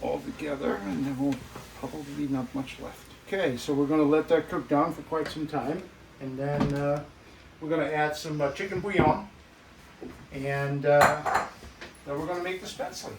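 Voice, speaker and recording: A middle-aged man with an Austrian accent, a chef walking through a cooking demonstration in a relaxed, instructive way with many "uh" fillers. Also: fairly high pitch, moderate pace, gravelly. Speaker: guest chef. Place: home kitchen. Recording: echoey kitchen from far off, faint hiss.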